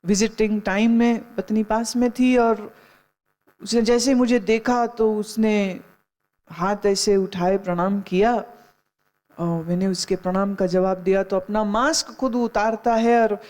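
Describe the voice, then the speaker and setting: A middle-aged spiritual teacher, a woman, uses a steady, mid-range voice with a darkish tone and measured pace. In her Gita discourse she tells stories, scolds her listeners, and works in English phrases.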